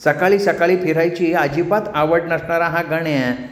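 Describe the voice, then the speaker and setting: A man's voice: on the high side, fairly even intonation, normal speed, echoey room, voice pushed up, lightly acted. A man voicing a suspicious wife who scolds and questions her husband sharply. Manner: sharp, interrogating.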